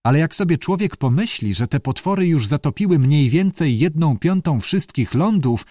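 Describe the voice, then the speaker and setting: A man's voice: on the high side, animated, normal speed, dark tone, no echo, studio quality, pitched above the performer's own voice. A man voicing a worried grown son. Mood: arguing. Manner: pleading, concerned. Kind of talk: audiobook character voice.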